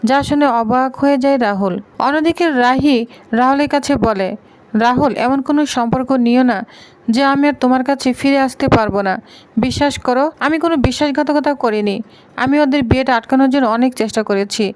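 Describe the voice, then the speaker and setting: High-pitched woman narrator, recaps a family drama and reads all the quotes herself, dry close sound. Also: a little fast, darkish tone, dry recording, low-quality recording. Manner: reads all characters' lines in her own voice. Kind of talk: storytelling recap with quoted dialogue.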